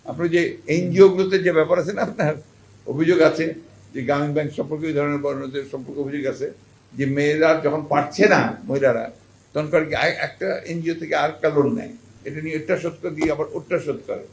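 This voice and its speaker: A man's voice: fairly even intonation, a little fast. Bangladeshi Bengali man, political orator at a rally, emphatic and rising, heavy room echo. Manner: rising to loud emphatic peaks, then dropping low. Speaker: political speaker addressing a rally. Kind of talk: impassioned political speech.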